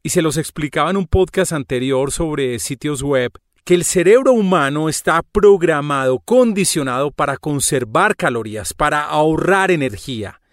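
A man's voice: fairly high pitch, animated, normal speed, few pauses, no echo, studio quality. A man talking through a podcast monologue in a conversational, explaining way. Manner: conversational, explaining with everyday examples. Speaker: podcast host.

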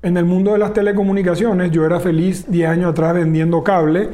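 A man's voice: high voice, flat delivery, fairly quick, dark tone. A man, a telecom executive in a business interview, laying out his points one by one. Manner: explains point by point, enumerating pillars.

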